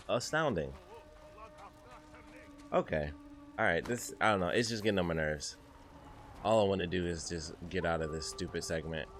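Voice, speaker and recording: Streamer, man, low voice, casual gameplay commentary over game music. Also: moderate pace, long pauses, a bit bright. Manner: chatty, exasperated asides. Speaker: gaming streamer. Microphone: desk mic, streaming setup.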